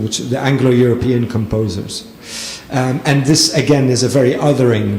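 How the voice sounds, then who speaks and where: A lecturer with a medium-pitched, darkish voice answers a question from the audience at a panel event. He is thoughtful but keeps pausing on ums and starting over. The hall's echo and faint noise come through.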